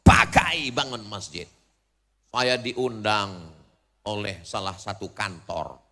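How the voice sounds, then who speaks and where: A middle-aged man preaching a sermon to a large crowd outdoors, telling stories with humor, asking the crowd questions and shouting at the peaks. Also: lowish voice, slow pace. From Indonesia. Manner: animated, humorous storytelling with call-and-response and shouted peaks.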